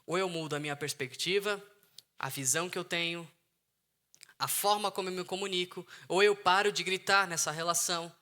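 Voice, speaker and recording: A man's voice: high voice, steady tone, brisk, bright, forceful tone. A man with a Brazilian Portuguese accent, a psychologist giving an earnest talk that repeats key phrases for emphasis, speaking outdoors. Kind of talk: emotional intelligence talk to an online audience. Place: outdoors in the sun.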